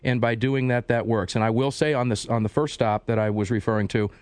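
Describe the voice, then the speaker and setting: A man hosting a radio talk show, interviewing a guest in a conversational, animated way with frequent restarts. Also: medium pitch, brisk, no room sound. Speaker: host.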